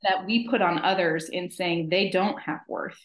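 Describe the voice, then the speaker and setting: A woman's voice: lowish voice, fairly even intonation, unhurried. Earnest woman on an echoey video call. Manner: earnest, emphatic, opinionated. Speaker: podcast co-host. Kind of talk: casual conversational chat. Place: home office, video call.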